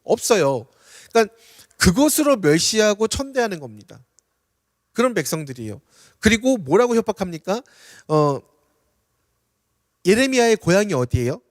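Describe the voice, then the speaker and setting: Young guy pastor giving a dawn sermon, high voice that jumps all over, dry close sound. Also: no room sound, in a large hall. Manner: earnest, asks the congregation questions and answers them. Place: church sanctuary.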